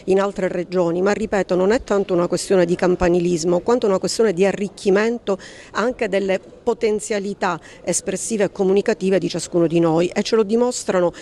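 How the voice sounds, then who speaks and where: Woman, mid-pitched, formal interview statement. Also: steady tone, a little fast, mellow.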